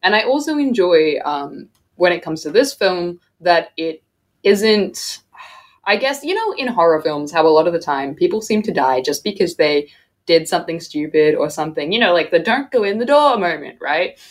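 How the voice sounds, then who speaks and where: A woman's voice: fairly low pitch, animated, normal speed. A woman co-hosting a radio show in casual chat, talkative and laughing often, with many fillers.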